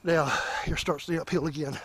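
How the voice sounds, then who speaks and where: A man's voice: a little high, fairly even intonation, fairly quick, very noisy. A man filming himself on a wooded trail, out of breath and chatting as he points things out along the way. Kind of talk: casual narration while hiking. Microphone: handheld camera.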